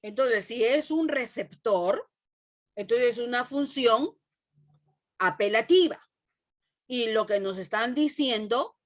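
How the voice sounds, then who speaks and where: A woman with a Peruvian Spanish accent teaching a class, asking the students questions and repeating phrases slowly. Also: on the high side. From Peru. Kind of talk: classroom lesson.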